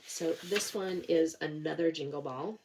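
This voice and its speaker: Against a noisy background, a middle-aged woman with a low voice talks at a moderate pace about her cross-stitch projects in a casual chat to camera. She's got a cold, so she's a bit nasal with a sore throat, and she rambles, runs herself down, and uses lots of fillers.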